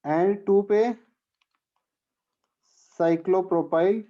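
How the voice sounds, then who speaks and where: A man's voice: sits high, fairly even intonation, drawn-out words, muffled recording. A man teaching an organic chemistry class, explaining step by step and checking in with questions to his students. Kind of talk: classroom lecture.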